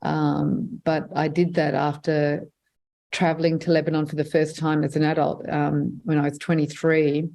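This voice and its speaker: Low, mellow Australian woman in her fifties. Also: flat delivery, moderate pace, creaky. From Sydney, Australia. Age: 50s. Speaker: interview guest, journalist. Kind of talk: conversational personal storytelling in an interview.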